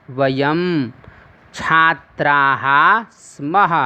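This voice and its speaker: A man teaching Sanskrit to children in a lesson, reciting word forms slowly and carefully and explaining how to pronounce them. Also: fairly high pitch, bright, forceful tone, smooth. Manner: slow, deliberate drilled recitation of word forms; addresses children directly, explaining pronunciation.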